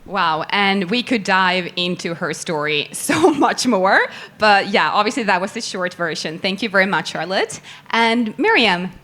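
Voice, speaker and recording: A woman's voice: mid-range voice, expressive, a little slow, hardly any pauses, bright, forceful tone. A woman moderating a live panel discussion in front of an audience, effusive and enthusiastic as she introduces each guest. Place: event room with a live audience.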